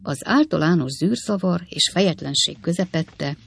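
A woman narrating an audiobook in a calm, even storytelling manner. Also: on the low side, creaky, breathy edge.

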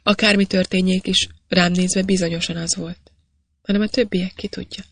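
A reader voicing a shy young woman raised in a mine, speaking in a hesitant, halting way, with a gravelly, dry sound. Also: mid-range voice, little pitch movement, a bit bright, no room sound. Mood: tremulous.

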